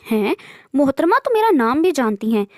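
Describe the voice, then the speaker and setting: A woman's voice: high voice, big pitch swings, moderate pace, dry recording, clean studio sound. Charming young man Saad, read by a woman. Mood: light.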